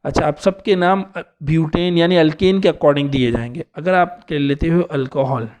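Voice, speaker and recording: A man's voice: fairly high pitch, normal speed, a little mellow. A man teaching an organic chemistry lesson, explaining step by step and often checking in with his students. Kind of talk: classroom lecture.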